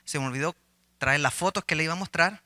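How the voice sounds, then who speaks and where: A man's voice: fairly high pitch, fast, bright, forceful tone. A middle-aged man, a pastor giving a conversational sermon, telling a personal story with humor and questions to his listeners.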